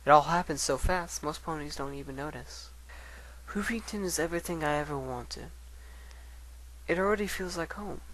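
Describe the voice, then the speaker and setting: A man's voice: mid-range voice, fairly bright tone, natural voice, rough recording. A man voicing an earnest, bookish female unicorn scholar in an articulate, reflective dramatic reading of a letter. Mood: animated, enthusiastic.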